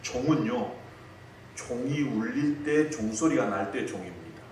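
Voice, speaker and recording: A male pastor preaching a sermon in a church, telling stories in a lively way. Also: mid-range voice, measured pace. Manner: storytelling, lively. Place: church sanctuary. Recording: echoey hall, distant mic, faint noise.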